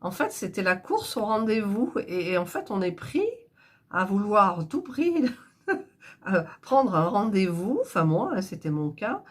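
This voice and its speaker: A woman's voice: medium pitch, big pitch swings, measured pace. A woman with a stuffy nose, chatting in a rambling, casual way while preparing embroidery threads. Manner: chatty, rambling, with frequent fillers and restarts. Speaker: cross-stitch crafter vlogger.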